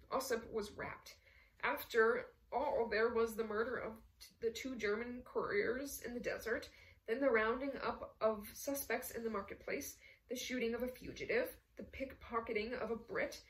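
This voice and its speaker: Woman narrating a novel, slightly high voice. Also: normal speed, reverberant, recorded from a distance, poor audio. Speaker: audiobook narrator. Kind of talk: scripted narration.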